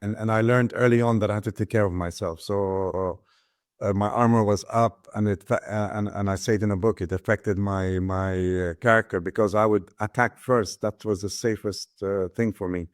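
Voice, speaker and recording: A middle-aged Ghanaian man, a business founder and author appearing as a guest, reflectively tells his life story. His fairly low voice is steady and normal in speed, though he often restarts and repeats words. The studio-quality audio has no room sound.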